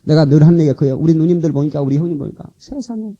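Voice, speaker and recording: Animated Korean pastor on old cassette tape. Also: male voice, fairly high pitch, very fast, highs cut off. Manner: animated, scolding and coaxing the congregation. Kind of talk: revival sermon. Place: church sanctuary.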